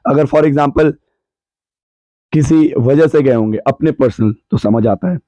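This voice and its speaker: A man with a sore, hoarse throat, explaining his views on a podcast in a measured way that weighs both sides. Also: mid-range voice, mellow, no echo. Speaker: podcast guest answering questions. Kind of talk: reflective podcast discussion. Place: cold hill town, bundled up.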